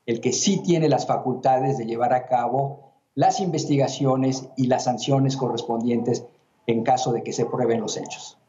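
A man's voice: mid-range voice, warm tone. Man answering formally over a dull, roomy line. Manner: measured, official tone with frequent hesitations. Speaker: interviewee, human rights commission president. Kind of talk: formal remote interview answers.

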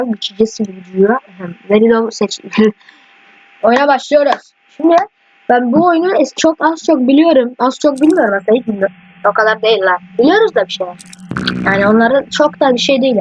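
A man doing casual let's-play commentary, rambling and excitable, often swearing at the game. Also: extremely high pitch, fast talker, no echo. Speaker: gaming YouTuber. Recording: dull lo-fi mic with faint hiss.

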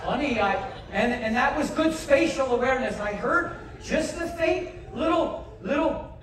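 A man's voice: extremely high pitch, expressive, normal speed, crowd noise. A man performing live comedy patter as a stage juggler, joking with and coaching audience volunteers in a large theater. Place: large theater on a cruise ship. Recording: echoey theater from far off, audience.

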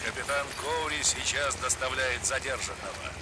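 Stern captain over the radio. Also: male voice, mid-range voice, normal speed, background noise. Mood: grim. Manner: curt commanding orders. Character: stern male military captain giving orders. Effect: radio transmission. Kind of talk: game dialogue.

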